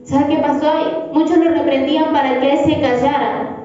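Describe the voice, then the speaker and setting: A woman pastor, preaching a sermon with fervent, drawn-out emphasis. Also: high voice, steady tone. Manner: preaching with rising fervor, drawn-out emphatic phrases. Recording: echoey hall from far off, dull sound.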